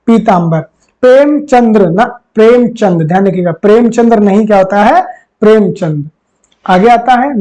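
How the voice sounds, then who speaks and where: A man tutors viewers for an exam with a Hindi spelling and vocabulary lesson, repeating each word, quizzing them, and calling them friends. His voice is high with a darkish tone. The recording quality is low.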